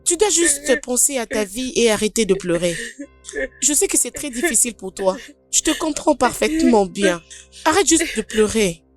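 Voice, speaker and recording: Woman playing a gentle comforting young friend. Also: on the high side, animated, moderate pace, faint music behind, lightly acted. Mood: soothing. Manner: soothing, pleading softly. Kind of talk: dubbed film drama.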